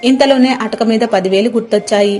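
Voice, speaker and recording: A woman narrating a cartoon moral story in a steady, sympathetic way. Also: a little high, fast talker.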